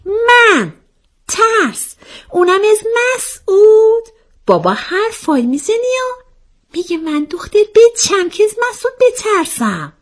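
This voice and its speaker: A woman voicing a flustered, playful young woman in a read-aloud story, speaking high and exclaiming. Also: very animated. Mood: indignant. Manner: high-pitched, exclaiming, indignant. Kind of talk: storybook voice acting.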